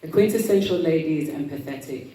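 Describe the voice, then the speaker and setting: A woman giving a motivational talk as an etiquette coach, with prim, precise enunciation and a measured, polite manner. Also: sits low, expressive, warm tone. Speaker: etiquette coach speaking at an event. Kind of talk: motivational talk to a live audience. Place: indoor event room with audience. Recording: roomy, distant mic, noisy hall.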